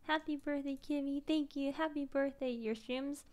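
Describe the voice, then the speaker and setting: A young woman streams from her desk mic, casually reading viewer messages aloud. She sounds tired but gushing and emotional, with a voice pitched a little high, and now and then drops to a soft whisper. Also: fairly even intonation, normal speed.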